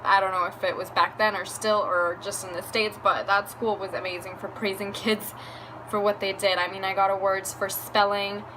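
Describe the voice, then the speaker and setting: A young Venezuelan woman, a beauty vlogger, tells a candid, rambling story-time for her vlog, laughing now and then. She talks at a normal pace with a medium pitch and level tone. She's in a room at home, and a running fan hums in the background.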